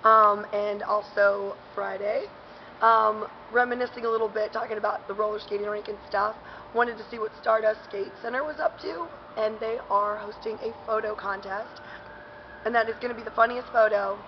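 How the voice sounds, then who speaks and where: A woman's voice: medium pitch, steady tone, moderate pace, lo-fi sound, background noise. Chatty woman vlogging in a parking garage. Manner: chatty, upbeat, filler-heavy. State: chewing gum. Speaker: host. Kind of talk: casual local events vlog.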